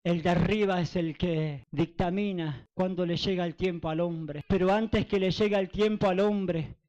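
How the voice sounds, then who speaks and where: A man preaches a fervent testimony, circling back on his phrases again and again. His voice sits high and rings smooth and clear. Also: fairly even intonation, normal speed, a little mellow, lo-fi sound. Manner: fervent and repetitive. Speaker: evangelist. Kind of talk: testimony sermon.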